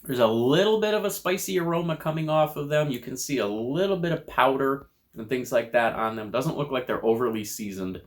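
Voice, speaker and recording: A man from the US offers a casual, measured review of chips to camera, munching between observations. His voice is mid-range.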